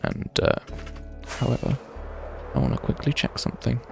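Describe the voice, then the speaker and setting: Over music, a game streamer in his twenties speaks at normal speed in a mid-range, creaky voice with a level tone. He keeps up casual chat while playing, thinking aloud and drifting between tangents.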